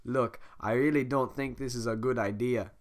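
A sick-sounding reader voicing a gruff, blunt ogre. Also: medium pitch, fairly even intonation, normal speed, natural voice. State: sick, hoarse throat.

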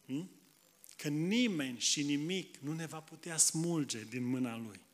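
A man preaching a sermon, from Moldova, talking conversationally and often checking in with the congregation, alternating loud emphatic bursts with quiet asides. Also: fairly high pitch. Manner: conversational preaching, frequent tag questions to the congregation.

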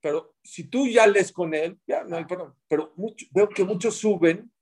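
A man leads a religious class in a notably high voice for a man. He explains each point patiently and keeps putting questions to his listeners before he answers them himself. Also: normal speed, a little mellow, slightly rough. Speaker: rabbi teaching a Torah class. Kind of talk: religious class talk to a small group.

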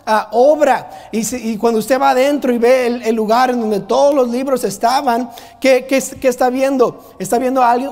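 A man's voice: very high voice, darkish tone. A male pastor preaching a sermon, emphatic and full of rhetorical questions. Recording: long hall reverb.

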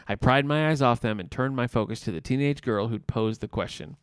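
A man co-hosting a podcast, reading a novel chapter aloud and chatting about it in a plain, steady way. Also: mid-range voice, fairly quick, smooth, no echo. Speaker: podcast co-host.

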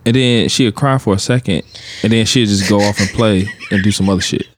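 A man's voice: lowish voice, brisk, a little hiss or hum. A young man co-hosting a podcast, telling slangy stories with lots of laughter. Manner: laughing storyteller, slangy and animated. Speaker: podcast co-host. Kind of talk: casual chat.

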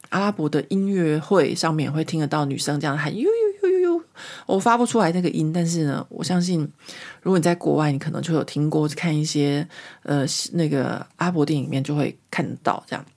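Podcast host, woman in her 40s, low voice, rambling casual storytelling. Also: gravelly, a little mellow. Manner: chatty, rambling storyteller, many fillers. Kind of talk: casual chat monologue.

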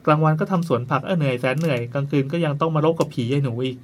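A man's voice: on the high side, rapid-fire, slight background noise. A man narrating a ghost story in a casual, chatty way, tossing playful asides to his co-host.

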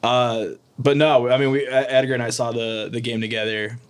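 A man's voice: mid-range voice, level tone, fairly quick. A man chatting as a guest on a casual podcast, laid-back and slangy, exaggerating for laughs. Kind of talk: casual chat.

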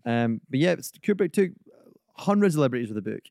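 A man's voice: mid-range voice, very animated, fairly quick, vocal fry, warm tone, no echo. Rambling podcast man, dry sound. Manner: rambling with many ums and likes. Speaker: podcast co-host. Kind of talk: casual podcast chat.

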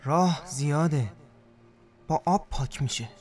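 A man's voice: a little high, darkish tone, soft background music, close to an everyday voice. A man playing an eerie companion who makes short, obsessively repeated, cryptic remarks in a surreal audio drama.

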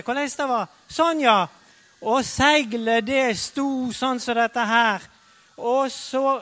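High, lively man preaching to children. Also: long reverb tail. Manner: animated, leads the audience in sound effects; tells the story in first person as a disciple. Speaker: preacher telling a Bible story to children. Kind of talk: lively storytelling sermon for children.

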